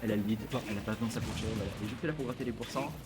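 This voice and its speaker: A man casting an esports grand final at a rapid clip, rattling off excitable play-by-play. Music runs clearly underneath his voice throughout. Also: on the low side. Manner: quick, excitable play-by-play with colourful asides. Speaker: esports commentator. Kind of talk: live esports commentary. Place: esports venue. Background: music behind the voice.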